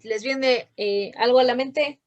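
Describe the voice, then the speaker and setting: A woman's voice: on the high side, slow, no room sound, dull audio. A woman teaching a literature class over a video call, patient and asking questions often. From Ecuador. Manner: patient, checks in with frequent questions. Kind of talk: online class lesson.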